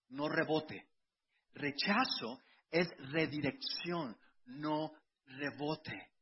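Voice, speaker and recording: Casting: middle-aged pastor, high husky voice, chatty storytelling sermon, muffled lo-fi audio. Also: male voice. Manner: conversational preaching, personal anecdotes, repeated restarts. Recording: dull lo-fi sound.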